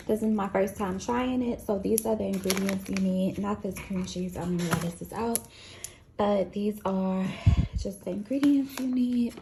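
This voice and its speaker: Casual American woman vlogging over household noise. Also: mid-range voice. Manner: informal, conversational. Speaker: home vlogger. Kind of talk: casual vlog chat, narrating chores and cooking. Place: indoors at home, kitchen. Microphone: handheld camera. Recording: clear household noise behind voice. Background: household appliance noise.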